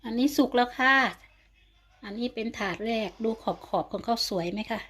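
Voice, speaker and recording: A woman's voice: fairly high pitch, normal speed, breathy edge. An older woman, narrating a home cooking vlog and chatting to viewers like friends. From Thailand. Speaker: vlogger. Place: home kitchen.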